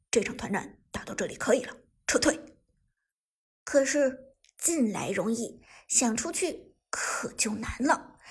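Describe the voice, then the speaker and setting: A woman reading an esports novel aloud, with lively storytelling that jumps into sudden excitement. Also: sits high, slightly rough. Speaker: audiobook narrator. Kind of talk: scripted narration of an esports novel.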